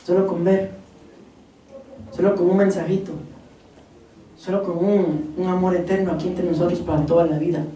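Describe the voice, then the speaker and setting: A woman delivers a sermon in a mellow, warm voice, throwing rhetorical questions at the congregation. She stands away from the mic, and the recording carries the long echo of a church hall. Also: on the low side, a little hiss or hum. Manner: animated, addresses congregation as beloved brothers, quick rhetorical questions. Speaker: preacher. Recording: echoey hall, voice from far off.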